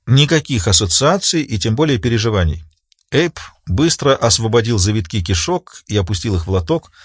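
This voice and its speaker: Husky guy reading a detective audiobook, steady, dry close sound. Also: fairly low pitch, no echo. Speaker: audiobook narrator. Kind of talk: scripted audiobook narration.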